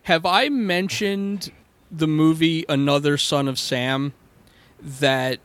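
A man's voice: fairly high pitch, slow pace, fairly bright tone, no room sound. A man on a casual film podcast, rambling a bit and correcting himself as he goes. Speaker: podcast co-host. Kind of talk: casual chat.

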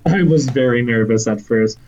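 A man co-hosting a podcast in casual chat, excitable, laughing often and swearing now and then. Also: mid-range voice, moderate pace, muffled recording, a little hiss or hum. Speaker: podcast co-host.

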